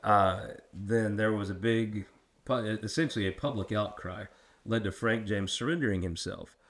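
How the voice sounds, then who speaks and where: A lower-pitched man with a rural drawl hosts a history chat. He is folksy and quick to poke fun at himself, talking casually as he asks questions. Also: a bit bright. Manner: folksy, self-deprecating. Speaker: interviewer and host. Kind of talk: casual local history interview.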